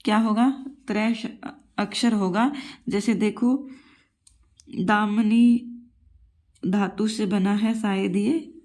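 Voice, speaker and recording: A woman's voice: medium pitch, fairly even intonation, takes it slowly, pauses often, a little mellow. A woman teacher giving a Sanskrit grammar lesson for exam preparation. She repeats each rule, asks the class questions and calls her students children.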